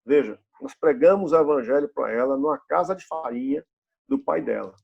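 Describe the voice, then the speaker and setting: A man's voice: medium pitch, moderate pace, vocal fry, darkish tone, husky, lo-fi sound. A pastor in his fifties preaching a sermon in a church, asking the congregation rhetorical questions and repeating key phrases. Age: 50s.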